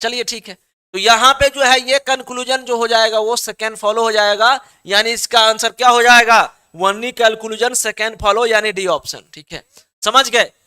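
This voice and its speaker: A man with a very high, bright, clear voice teaching an online exam-prep class. He reads students' answers aloud, coaxes them to reply, and keeps checking they follow. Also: steady tone, normal speed. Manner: coaxing, repetitive, checks understanding often.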